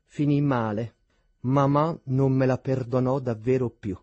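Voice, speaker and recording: A man with a husky voice reading the lines of a meek, devout young woman, quiet and resigned. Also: medium pitch, fairly even intonation, a little slow, dry recording, highs cut off, close to an everyday voice. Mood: tearful.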